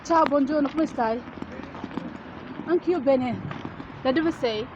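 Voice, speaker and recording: A woman's voice: sits high, slow, highs cut off, background noise. A woman from Cameroon, ranting in a repetitive, crude and defiant way while walking a city street, filming on her phone. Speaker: vlogger. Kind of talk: filmed street rant.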